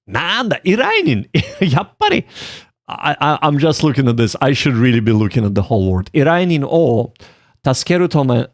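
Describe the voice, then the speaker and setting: A man's voice: mid-range voice, wildly swooping pitch, a little fast, dry recording, studio quality. A man chatting casually on a study livestream, thinking aloud and reflecting on himself in a rambling way. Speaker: streamer learning Japanese. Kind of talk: casual livestream chat with study and game reading.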